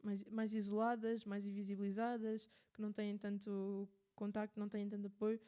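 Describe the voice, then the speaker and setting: A woman's voice: medium pitch, completely flat delivery, moderate pace, dark tone, clear, resonant tone. A woman with a European Portuguese accent hosting a radio show, explaining a subject in a casual, thinking-aloud way with fillers and restarts. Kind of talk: casual spoken commentary.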